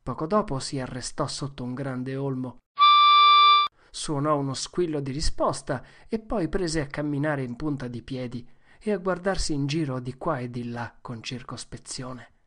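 Woman narrator, deep and calm, reading a children's classic. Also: moderate pace. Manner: calm, even-paced narration. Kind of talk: storybook reading.

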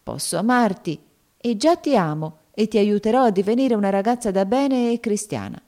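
A woman voicing a kindly but firm grown woman who speaks softly and soothingly. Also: mid-range voice, expressive, moderate pace, pitched above the performer's own voice, lightly acted. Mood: tender comfort. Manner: soft, soothing, persuasive.

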